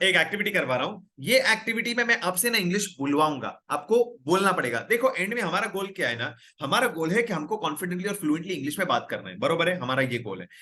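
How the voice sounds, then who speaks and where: A man's voice: a little high, very animated, fast talker, hardly any pauses, sharp tone. A young man teaching English in a live online class, coaxing students to speak up and reading out their names and comments. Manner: reads out viewers' names and comments.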